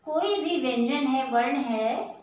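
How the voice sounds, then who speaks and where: A woman teaching young children a patient lesson, asking questions and sounding out each letter slowly. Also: sits high, darkish tone, distant mic, slight background noise. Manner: patient, asks questions and answers them herself. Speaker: primary school teacher. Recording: very echoey room, voice from off-mic.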